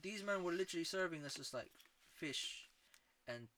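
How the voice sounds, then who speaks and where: Casting: young male, London roadman accent, slightly high and very bright, slangy mate-to-mate chat, faintly noisy recording. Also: expressive, moderate pace. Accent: London, urban street slang. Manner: slangy, repeats bruv and blood. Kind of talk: casual chat among friends.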